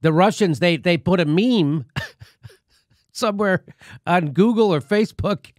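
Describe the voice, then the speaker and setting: A man's voice: high voice, takes it slowly, no room sound, clean studio sound. A male host giving comedic political commentary in a sarcastic, mocking and profane way.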